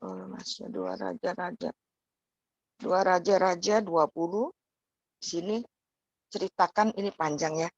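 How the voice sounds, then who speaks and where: A woman with a lowish voice gives a sermon in a chatty, conversational manner. She keeps checking in with her listeners and addresses them directly. The sound is close and dry, with no room echo. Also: animated, a little slow, pauses often, lo-fi sound. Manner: conversational preaching, tags phrases with "ya", addresses the congregation directly. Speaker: preacher.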